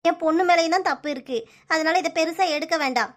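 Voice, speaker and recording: A protective middle-aged mother in a cartoon, acted by a woman, with a Kanyakumari accent. She speaks firmly in a high voice and at a brisk pace. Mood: placating. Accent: Kanyakumari Tamil. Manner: firm, placating.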